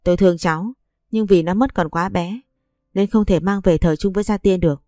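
A woman's voice: on the low side, fairly quick, mellow, no room sound, studio quality, natural voice. A woman voicing a cold, scheming middle-aged mother-in-law who talks in a curt, dismissive way.

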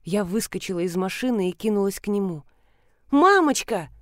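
A woman narrating an audiobook in a clear, even reading. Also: mid-range voice, quick pace, dry recording, studio quality.

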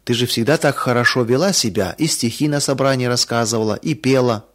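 A man voicing a kind older woman, a gentle teacher, in a soft caring tone. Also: medium pitch, a little fast, lightly acted.

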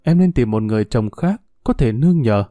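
A man playing a condemned husband who speaks calmly and with resignation. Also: medium pitch, a little fast, no echo, lightly acted. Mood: tender. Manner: calm, resigned.

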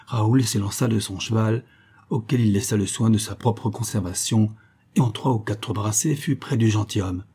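A man narrating a classic novel as an audiobook in a steady, measured storytelling manner. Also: lowish voice, husky.

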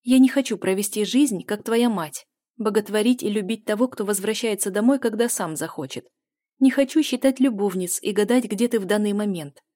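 A woman's voice: mid-range voice, animated, a little fast, hardly any pauses, mellow, no echo, clean studio sound, pitched above the performer's own voice, close to an everyday voice. A woman voicing a defiant young heroine who snaps back through tears in an audiobook. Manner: raised, pleading and snapping. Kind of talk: audiobook character voice.

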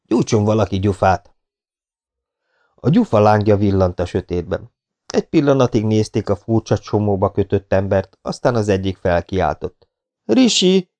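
A man reading a novel aloud as audiobook narrator in a steady, measured way. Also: lowish voice.

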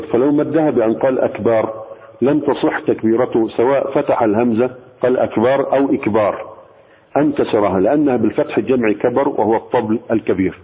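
A man with an Egyptian accent teaching a religious lesson as a sheikh, explaining patiently and slowly demonstrating pronunciations. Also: mid-range voice, slightly rough. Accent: Egyptian Arabic. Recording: tinny phone-like sound with long reverb.

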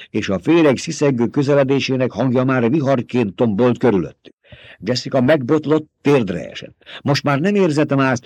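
A man reading an audiobook aloud with dramatic, tense storytelling that drops to a hush at times. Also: medium pitch, no echo. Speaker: audiobook narrator. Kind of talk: scripted audiobook narration.

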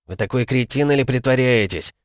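A man's voice: deep voice, fairly even intonation, a little fast, no echo, studio quality, lightly acted. A man doing a grumpy impatient American. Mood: irritated. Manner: gruff and grumbling.

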